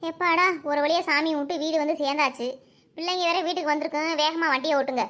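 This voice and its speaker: A woman voicing a bossy, sharp-tongued village wife in a cartoon, with a Madurai Tamil accent and a shrill, pushed-up voice. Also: steady tone. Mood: scolding. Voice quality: shrill, pitched way up. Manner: nagging, quick comebacks. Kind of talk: cartoon voice acting.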